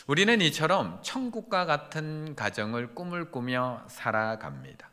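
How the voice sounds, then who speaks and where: A man's voice: a little high, very animated, normal speed, bright, forceful tone. A man preaching a Sunday sermon as pastor, earnest, building emphasis as he goes. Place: church sanctuary. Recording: reverberant church sanctuary.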